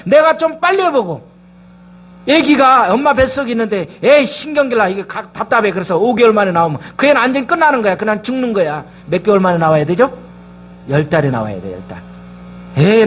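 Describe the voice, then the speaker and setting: High-voiced preaching male pastor. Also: fairly bright tone. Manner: emphatic, rhetorical questions to the congregation. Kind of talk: sermon. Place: church sanctuary.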